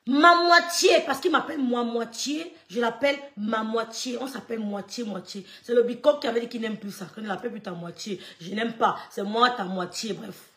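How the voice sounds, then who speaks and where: A woman telling a personal story in casual French, swinging between loud quoted lines and quiet asides, with stammers and laughs. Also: fairly high pitch, moderate pace, few pauses, echoey room. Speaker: storyteller recounting gossip.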